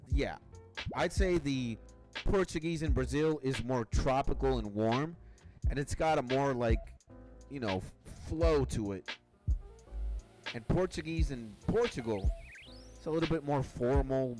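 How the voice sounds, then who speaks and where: A man's voice: mid-range voice, darkish tone. A young man from Venezuela with a Venezuelan accent, chatting loosely and rambling while he streams a game. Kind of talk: casual chat while gaming. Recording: game music playing behind. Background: clear background music.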